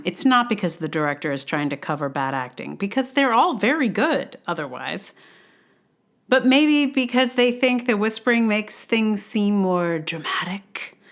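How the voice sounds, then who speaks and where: A woman with a stage background talks through her thoughts in a casual vlog. Her delivery is wry and expressive, and she sounds amused by her own points. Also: medium pitch. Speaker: theater performer and commentator.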